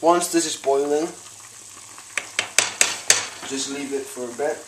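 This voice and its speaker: Brief: Spanish-accented man, casual home cooking vlog, giggly and self-correcting, echoey kitchen with loud frying noise. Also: on the high side, steady tone, slow pace. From Spain. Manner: rambling, giggly, corrects himself. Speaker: home cook presenting a recipe. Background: sizzling pan and stirring.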